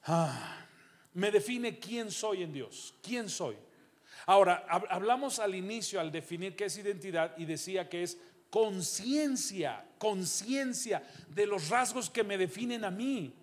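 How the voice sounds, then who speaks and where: A middle-aged man preaching a sermon in a church, throwing rhetorical questions at the congregation and swinging from loud calls to low asides. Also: lively intonation, unhurried. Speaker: pastor.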